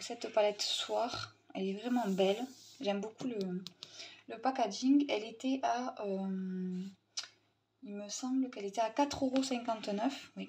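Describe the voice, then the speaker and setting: A woman's voice: mid-range voice, a little mellow, a little hiss or hum. Chatty woman vlogger, hesitant and casual. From Tunisia. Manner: hesitant, many fillers and restarts, chatty. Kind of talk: casual haul video review.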